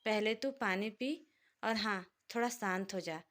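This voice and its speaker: A calm young wife gently placates her upset friend in a storybook narration, as a woman reads her part. She sounds even and reassuring. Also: mid-range voice, measured pace, lightly acted. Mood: soothing. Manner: soothing, placating.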